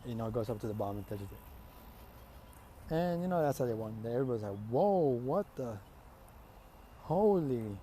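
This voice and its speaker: Rambling mellow-voiced male storyteller. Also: fairly low pitch, expressive, fairly quick, pauses often, a little hiss or hum. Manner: rambling, profane, filler-heavy. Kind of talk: casual improvised fan-fiction retelling.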